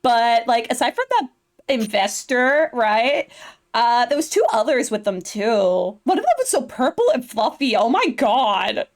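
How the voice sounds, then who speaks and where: A woman's voice: fairly high pitch, big pitch swings, measured pace. A woman voicing a bubbly young Valley Girl assistant, ditzy and gushing with lots of "like". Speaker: player character Asha.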